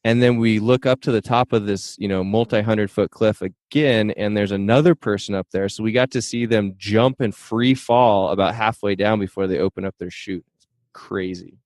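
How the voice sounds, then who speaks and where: Lowish-voiced man chatting on a podcast. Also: fairly even intonation, normal speed, a little mellow, no room sound. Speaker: podcast host. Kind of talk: casual podcast chat.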